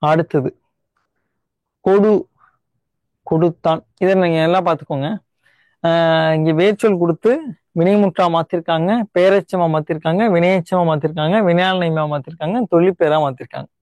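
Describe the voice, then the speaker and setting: A man's voice: a little high, steady tone, a little mellow, no echo. A young man with a Tamil Nadu Tamil accent, teaching grammar for a government exam, explaining step by step and often asking "right?" to check in with his students. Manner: repeats key words slowly to stress them. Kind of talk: online exam-prep lesson.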